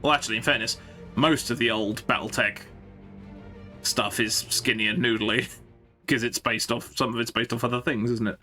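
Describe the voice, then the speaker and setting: A man's voice: mid-range voice, steady tone, moderate pace, pushed and bright, soft background music. A man chatting casually on a game live stream, rambling and thinking aloud to his viewers.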